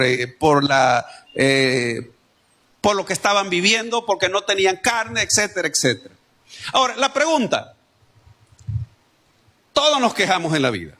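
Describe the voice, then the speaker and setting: A man's voice: high-pitched, pushed and bright. A man preaching a Sunday sermon to his congregation, speaking conversationally and addressing listeners directly. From El Salvador. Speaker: pastor. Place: church.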